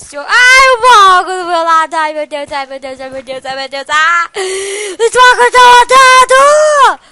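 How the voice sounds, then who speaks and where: A woman's voice: high-pitched, bright, forceful tone, a little hiss or hum. A woman hosting Minecraft gameplay commentary, prone to panicky shrieking and dramatic exclamations. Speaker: gaming channel host.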